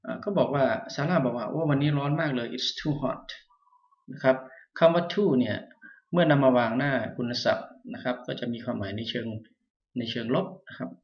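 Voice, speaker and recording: A man teaching English, reading a short dialogue aloud and explaining it line by line, with frequent pauses and fillers. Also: medium pitch, expressive, creaky. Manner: patient, frequent "ah" fillers, polite particles. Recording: echoey room.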